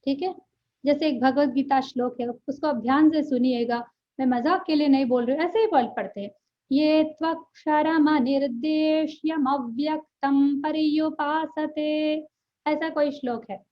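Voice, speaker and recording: A woman with a high voice gives an earnest online language lesson. She keeps checking in with her listeners and stretches syllables slowly to show the right pronunciation. The audio is dull and lo-fi. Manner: earnest, checks in often with "ठीक है", drawn-out pronunciation demonstrations. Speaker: Sanskrit teacher.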